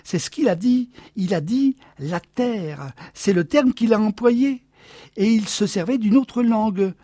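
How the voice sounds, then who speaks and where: A man reading aloud, voicing a wistful, excitable woman who eagerly recounts a strange dream. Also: medium pitch, a little slow, no echo, clean studio sound, pitched above the performer's own voice. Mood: wondering. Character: dreamy, wistful Martian wife, restless and excitable.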